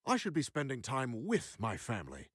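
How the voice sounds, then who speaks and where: A man voicing an earnest, self-important middle-aged suburban father in an animated sitcom. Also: mid-range voice, moderate pace, breathy edge, no room sound, studio quality. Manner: solemn, self-important declarations.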